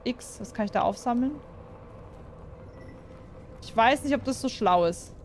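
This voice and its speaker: A woman's voice: on the high side, lively intonation, a little slow, slight background noise. A young woman playing a horror game and commenting for her viewers, jumpy and full of exclamations, often asking them questions. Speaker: gaming YouTuber.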